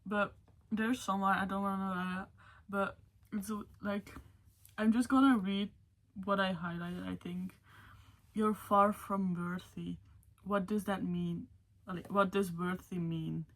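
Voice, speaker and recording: A woman's voice: mid-range voice, steady tone, a little slow. A woman vlogging casually about books, rambling and emotional with many fillers and self-corrections. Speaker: book vlogger. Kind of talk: casual book ranking vlog.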